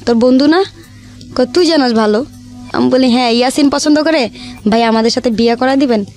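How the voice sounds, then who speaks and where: With background music running, a young woman with a Bangladeshi accent chattily relates her life story, voicing the dialogue as she tells it. Her colloquial delivery is brisk and sits high, with a slightly mellow quality.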